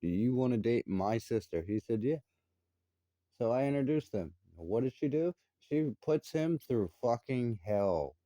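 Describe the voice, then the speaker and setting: A man's voice: medium pitch, animated, unhurried, mellow, dry recording. A man in his thirties giving an angry, profane personal rant. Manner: profane, confrontational, heated. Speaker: vlogger.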